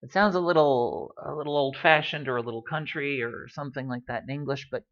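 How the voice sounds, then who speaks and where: A man gives a casual Spanish lesson, chatty and full of wry asides and plenty of ums and uhs. His medium-pitched voice is fairly bright and a little fast, captured with lo-fi sound.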